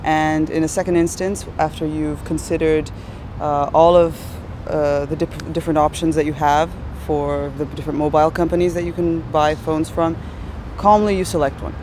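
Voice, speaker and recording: A woman from Brazil, a PhD candidate, speaking haltingly in an interview with frequent hesitations. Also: low voice, fairly even intonation, slight background noise. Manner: halting, with many "uh" pauses. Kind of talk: interview testimonial.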